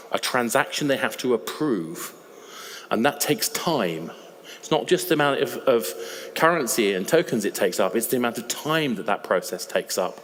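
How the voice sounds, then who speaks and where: A man with a slightly raspy voice, giving a conversational, emphatic conference talk. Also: mid-range voice, slight background noise. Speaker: conference speaker. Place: large conference hall. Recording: reverberant hall with faint ambience.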